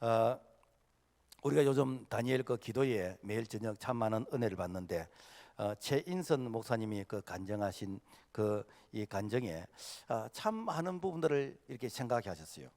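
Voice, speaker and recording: A male senior pastor preaching a sermon, impassioned, full of filler "uh"s, swinging between loud outbursts and hushed passages. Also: mid-range voice, animated, normal speed, vocal fry. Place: church sanctuary. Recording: long hall reverb of a church sanctuary.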